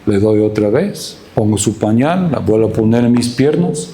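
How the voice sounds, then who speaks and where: A man's voice: on the low side, lively intonation, normal speed, mellow. A male pastor preaching a sermon, telling a family story with acted-out dialogue. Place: church. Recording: roomy church hall.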